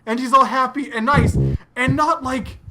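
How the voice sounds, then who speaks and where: Woman co-host, profane animated ranting, noisy background hiss. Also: sits high, moderate pace. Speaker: anime discussion podcast co-host. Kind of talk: casual chat.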